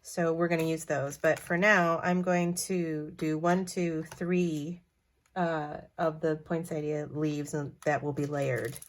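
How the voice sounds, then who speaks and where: A woman's voice: low-pitched, little pitch movement, slow pace. A woman hosting a card-making tutorial, talking in a chatty, friendly way with fillers and self-corrections. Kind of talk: casual craft tutorial.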